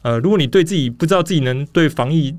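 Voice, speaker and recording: A man's voice: a little high, lively intonation, fast, a little mellow, no room sound. A man with a Taiwanese Mandarin accent hosting a casual podcast in a rambling, explanatory way, slightly muffled by a face mask. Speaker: podcast host.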